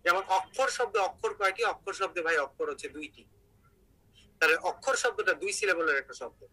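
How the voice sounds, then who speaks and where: A man's voice: sits high, lively intonation, fast, sharp tone, low-quality recording. A man teaching an online English grammar class, explaining step by step and asking his students questions.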